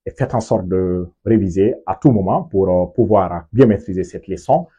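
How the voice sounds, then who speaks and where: A man teaching an English lesson in French, drilling words with slow, deliberate repetition and frequent check-ins. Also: low voice, warm tone, breathy edge, dull audio. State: sweaty, just came from the sports field. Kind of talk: video lesson, explaining in French with English examples.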